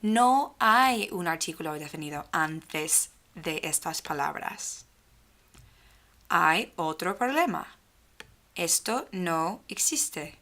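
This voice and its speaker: A woman teaching a grammar lesson, speaking slowly and clearly and drawing out the example sentences. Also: fairly low pitch, a bit bright. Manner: slow, clearly spaced speech with stretched example phrases. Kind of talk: slow, careful grammar lesson.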